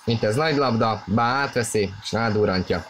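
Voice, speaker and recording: A man giving excited play-by-play football commentary, often in terse bursts of player names. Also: fairly low pitch. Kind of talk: play-by-play football commentary over a video game match. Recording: clearly noisy, game stadium ambience behind. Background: video game stadium ambience.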